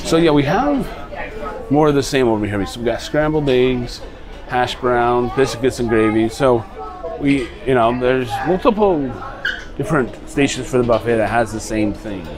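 Here a travel vlogger's mid-range voice has lively intonation and a moderate pace as he casually tours a ship's indoor buffet, rambling into the camera in his hand. The audio is poor.

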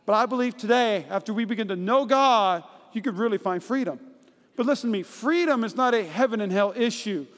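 Very high-voiced energetic male pastor. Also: brisk. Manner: energetic, jokey, rhetorical asides. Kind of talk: sermon with comic storytelling. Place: church auditorium. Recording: long church-hall reverb.

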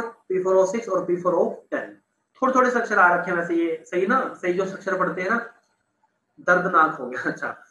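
Brief: young male chemistry teacher, high voice, loose chatty explaining, echoey room. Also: sharp tone. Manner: casual, repeats terms, checks students follow. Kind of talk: online class explaining on a board.

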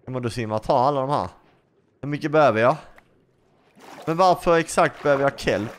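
A man giving excitable let's play commentary, asking question after question and swearing freely. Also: mid-range voice, a little hiss or hum. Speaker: gaming YouTuber.

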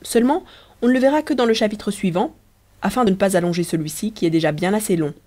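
A woman narrating an audiobook in an expressive, lively storytelling manner. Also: medium pitch, fast talker. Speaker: audiobook reader.

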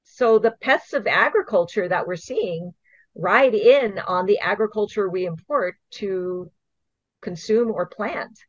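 A middle-aged woman from Hawaii, an invasive species program manager, answers casual interview questions over a home video call. Her mid-range voice is a little slow, and she explains things earnestly and step by step, laughing now and then. The call audio is dull and dry, with no room sound.

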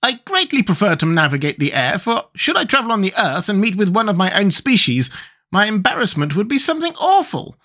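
A reader voicing a huge, gloomy winged storybook creature in a squeaky voice with formal speech. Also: sing-song, fairly quick, pushed and bright. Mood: careless, wry.

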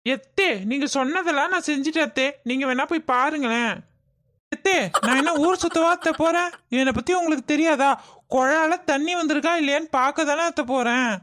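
Woman doing a high, pleading young daughter-in-law. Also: brisk, fairly bright tone. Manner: pleading, defensive.

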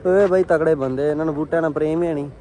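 A man's voice: fairly high pitch, steady tone, rapid-fire, warm tone. A man giving casual, chummy vlog commentary outdoors, addressing viewers as friends. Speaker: vlog host. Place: outdoors at a farm machinery fair. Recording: engine and vehicle noise, outdoors.

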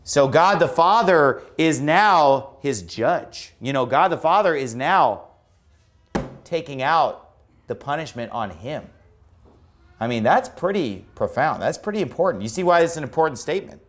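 A man's voice: a little high, animated, a little slow, fairly bright tone. A man preaching a sermon in a church, emphatic and argumentative, mocking opposing views in a raised voice. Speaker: pastor. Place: church sanctuary.

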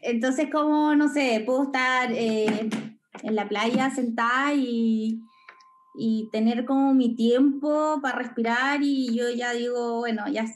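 A woman's voice: a little high, steady tone, takes it slowly, slight background noise. A young woman with a Chilean accent, chatting casually as an interview guest, full of fillers. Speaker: guest, esports photographer.

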